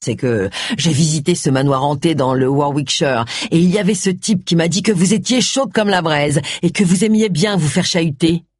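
A reader voicing a self-assured, pushy man who talks in a low, offhand way. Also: normal speed, few pauses, no echo, clean studio sound, natural voice. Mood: smug. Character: smug, pushy man, a would-be seducer.

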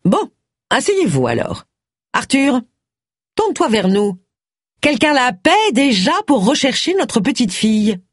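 A piercing, shrill rich wife barks orders and insults her husband in a storybook reading, her voice jumping high and all over the place. A narrator puts her on with a slightly husky, dry close sound. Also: sing-song, unhurried, pauses often, dry recording. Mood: shrill, bossy. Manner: bossy, abrupt, crude. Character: shrill vulgar nouveau-riche wife, bossy.

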